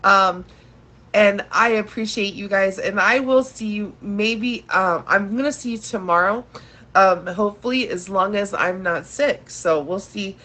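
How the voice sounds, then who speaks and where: A woman's voice: medium pitch, unhurried, sharp tone. A woman hosting a casual livestream, thanking her viewers often, with a congested, nasal voice from a blocked nose. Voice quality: stuffy, nasal sound from congestion. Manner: effusively thankful, addresses audience as "you guys". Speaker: live show host.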